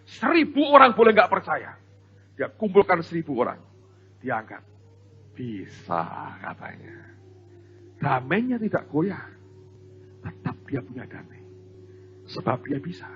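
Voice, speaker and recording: A pastor preaching a sermon in an animated, storytelling way, often turning to address the congregation directly. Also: male voice, a little high, measured pace, pauses often, slight background noise. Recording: dull lo-fi sermon recording.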